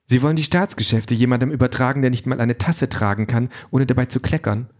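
A man voicing a blunt, sharp-tongued woman campaign manager who talks briskly and swears, in an audiobook. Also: mid-range voice, fairly even intonation, lightly acted.

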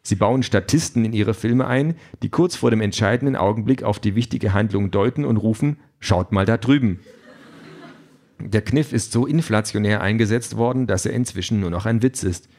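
A man's voice: lowish voice, normal speed, a little mellow. A man narrating an audiobook in a dry, wry storytelling manner. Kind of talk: scripted narration.

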